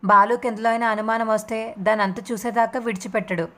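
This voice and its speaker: A woman's voice: a little high, flat delivery, fast, pushed and bright. A woman voicing a guilt-ridden young mother who pleads in a sorrowful tone. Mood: grieving.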